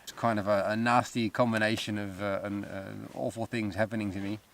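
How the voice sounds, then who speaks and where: A man's voice: fairly low pitch, little pitch movement, a little fast, fairly bright tone. A man, a touring cyclist, speaking English, hesitant and wry. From Netherlands. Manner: hesitant, wry, many ums. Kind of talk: interview recollection.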